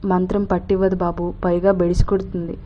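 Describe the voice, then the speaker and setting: A man's voice: sits high, completely flat delivery, fast talker, a little hiss or hum, natural voice. A woman reading as a humble old village man. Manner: humble, pleading. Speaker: father of the girl. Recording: dull lo-fi recording.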